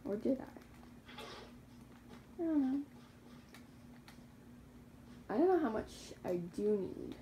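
A woman's voice: high voice, lively intonation, takes it slowly, pauses often, dull audio, slight background noise. A young woman casually commentating her own survival game, chatty and rambling, correcting her own slips and laughing at herself. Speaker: gaming YouTuber. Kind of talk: casual Minecraft gameplay commentary.

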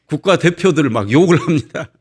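A male pastor preaching at a dawn prayer service, telling a story with animated delivery. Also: fairly high pitch, brisk, husky.

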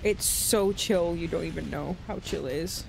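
A woman's voice: on the low side, normal speed, gravelly, a little hiss or hum. A woman streaming a game live, giggling and teasing her chat in casual banter.

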